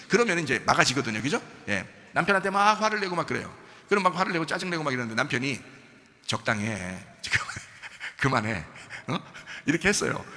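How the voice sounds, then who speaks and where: A man's voice: fairly high pitch, sharp tone. A male pastor preaching a conversational sermon, often checking in with his listeners and acting out little quoted exchanges. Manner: acts out short quoted exchanges in his own voice. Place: church sanctuary. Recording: long church hall reverb.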